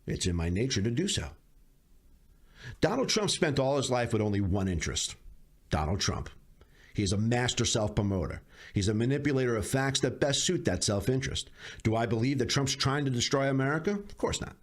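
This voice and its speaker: A man hosting a podcast, giving a measured closing monologue of political commentary with dry sarcastic asides. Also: mid-range voice. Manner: measured, deliberate delivery with slow emphatic pauses. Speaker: podcast host.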